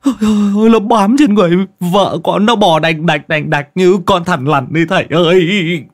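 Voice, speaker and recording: A man's voice: high voice, expressive, moderate pace, fairly bright tone, pitched above the performer's own voice. A man voicing a panicked young village husband who stammers and wails his pleas. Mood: panicked pleading.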